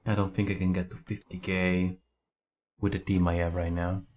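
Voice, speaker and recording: A man's voice: sits low, flat delivery, moderate pace, a little mellow. A man hosting a game livestream, chatting casually and muttering asides as he plays. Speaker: game streamer, host. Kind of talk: casual livestream chat and gameplay commentary. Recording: faint background music.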